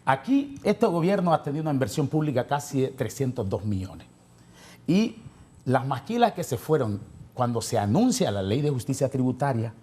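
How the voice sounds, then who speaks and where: A man argues insistently on a talk panel. His voice is husky and swings widely in pitch, and he repeats phrases as he pushes his question. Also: warm tone. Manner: insistent, argumentative, repeats himself. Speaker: panel guest. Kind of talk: heated panel debate.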